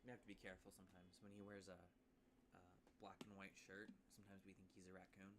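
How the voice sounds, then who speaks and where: A man's voice: low voice, little pitch movement, brisk, heavy background noise. A man casually reviewing a game class on a live stream, chatty and full of asides to viewers.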